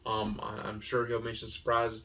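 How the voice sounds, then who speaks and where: A man hosting a year-end reflection, earnest and a little emotional, pausing often with fillers. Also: fairly low pitch, monotone, sharp tone, distant mic. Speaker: host of a toy ministry channel.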